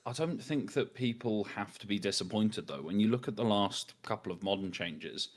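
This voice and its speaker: Male livestream co-host, fairly low voice. Casual commentary, blunt and sweary. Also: normal speed. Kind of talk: casual live stream chat and commentary.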